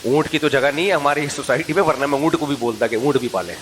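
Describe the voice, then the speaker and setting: Lively, joking male preacher. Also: fairly high pitch, a little hiss or hum, low-quality recording. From Pakistan. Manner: humorous, anecdotal, throws questions at listeners. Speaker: Islamic preacher. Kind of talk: informal religious talk to an audience.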